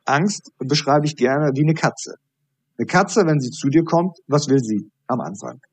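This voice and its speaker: Male coach guest, husky voice, animated storyteller, dry close recording. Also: medium pitch, measured pace, no room sound. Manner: animated storytelling, acting out dialogue. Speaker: high performance coach. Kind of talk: podcast interview guest.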